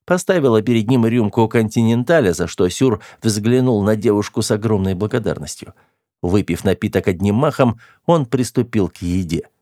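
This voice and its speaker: Male audiobook narrator, steady and even, dry close recording. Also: lowish voice, moderate pace, no echo.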